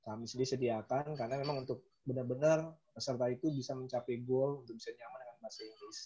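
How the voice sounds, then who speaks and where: A man's voice: medium pitch, steady tone, quick pace, warm tone, a little hiss or hum. A man working as a coach, earnestly explaining his training program. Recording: dull lo-fi sound.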